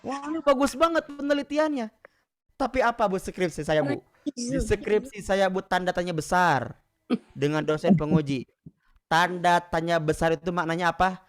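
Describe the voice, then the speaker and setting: Man giving an animated religious lesson. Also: sits high, moderate pace. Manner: animated storytelling, often addresses the audience directly. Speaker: Quran recitation teacher. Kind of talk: casual Islamic study lecture.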